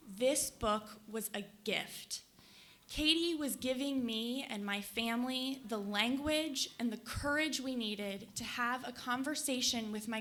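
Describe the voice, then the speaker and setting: A woman's voice: fairly high pitch, creaky, pushed and bright. A young woman from Colorado, a book editor, giving an earnest, enthusiastic prepared speech to a conference audience. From Colorado, USA. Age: young adult. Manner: earnest, enthusiastic, reading from notes. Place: conference hall.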